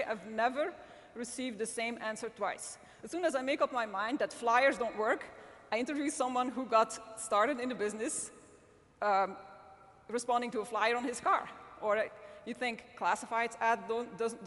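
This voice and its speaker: A middle-aged Belgian woman, a magazine editor-in-chief, gives an earnest conference talk to a live audience at a summit, often restarting her sentences. English is a later-learned language for her, not her first. Her voice is a little high and a bit bright, at a moderate pace, with long reverb from the large event hall.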